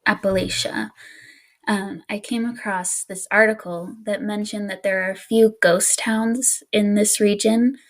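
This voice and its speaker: Unhurried and medium-pitched, this podcast co-host shares a spooky tale in casual conversation. She's relaxed and easygoing, with frequent laughs and filler words.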